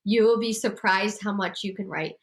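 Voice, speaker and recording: A woman's voice: mid-range voice, fairly even intonation, normal speed. A woman host with a congested voice giving casual, emphatic writing advice to a group and laughing often. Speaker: podcast host and writing coach.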